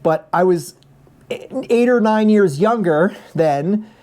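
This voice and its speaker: A man's voice: high-pitched, expressive, slow, warm tone. A man in his mid-forties telling a story in a chatty, casual vlog update, restarting his sentences often. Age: 40s. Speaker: vlogger, ultrarunner.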